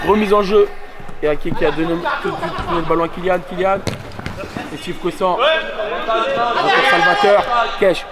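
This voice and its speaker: Excited male sports commentator, high-pitched, punchy name calls and exclamations, over heavy crowd noise. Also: normal speed, pauses often. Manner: calls players' names in short bursts, exclaims. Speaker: match commentator. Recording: loud crowd and bouncing ball behind. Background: crowd noise, ball bounces.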